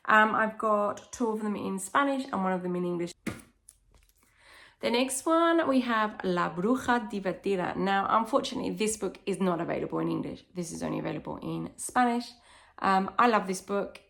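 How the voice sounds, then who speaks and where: A woman's voice: mid-range voice, fairly quick, creaky, fairly bright tone. A young woman chatting casually and enthusiastically as she recommends children's books, explaining things in simple, rambling phrases. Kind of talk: casual chat, book recommendations.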